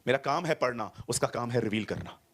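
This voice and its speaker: An animated male pastor preaches to a congregation in a church hall. He swings from loud, pressing lines to soft, low asides and drops English words into his speech. His pitch sits in the middle range. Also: a little fast. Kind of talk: sermon.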